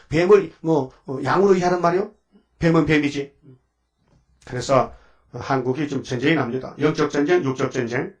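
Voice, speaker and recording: A man preaching at a dawn service in a heated, scolding, rambling way, prodding listeners with rhetorical questions. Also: on the high side. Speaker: pastor.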